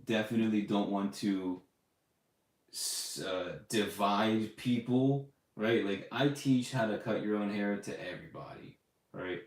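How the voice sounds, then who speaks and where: In a roomy, echoing space, a man hosting a casual livestream podcast answers questions live, his talk loose and full of fillers and restarts. He speaks at an unhurried pace with a fairly low pitch.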